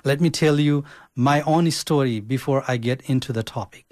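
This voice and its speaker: A young man from Nepal, a social work student, reading his podcast script in a careful, measured way. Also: mid-range voice, darkish tone, no echo, studio quality.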